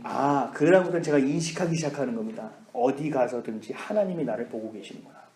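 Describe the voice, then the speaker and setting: A male pastor preaching a sermon, telling a personal story with lively, animated delivery. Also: mid-range voice, fast. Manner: animated storytelling, whispers inner thoughts. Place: church sanctuary. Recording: echoey church hall.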